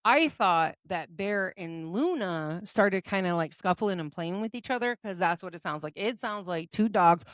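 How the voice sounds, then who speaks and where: A woman co-hosting a podcast in casual chat, animated and quick to exclaim. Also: on the low side, no echo, studio quality. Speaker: podcast co-host.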